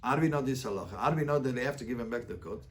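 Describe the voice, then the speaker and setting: A rabbi with a mid-range voice teaches an interactive Talmud class at a racing pace, reading the text and translating it phrase by phrase. He uses animated repetition and rhetorical questions, and crowd noise can be heard.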